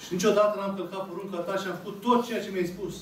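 Slowly and emphatically, with long pauses and fairly even intonation, a Romanian-accented Orthodox priest in his thirties retells a parable in his sermon. The high voice for a man travels across a small, echoey church full of icons and seated worshippers to a camera at the back, with faint room noise underneath.

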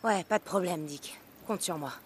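An actress playing a chatty, excitable camp bounty clerk in a video game, with a slangy, gossipy delivery. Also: female voice, fairly low pitch, normal speed, a little hiss or hum, lightly acted. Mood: easygoing.

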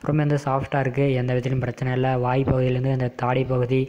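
A man's voice: medium pitch, level tone, racing, mellow, muffled recording. A man in his twenties speaking through a face mask, giving a chatty casual product review and repeating reassurances. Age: 20s.

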